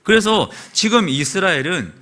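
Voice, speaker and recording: A male pastor preaching a sermon in a church, telling the story in an animated way. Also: high voice, normal speed. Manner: animated storytelling, acts out quoted shouts. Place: church sanctuary.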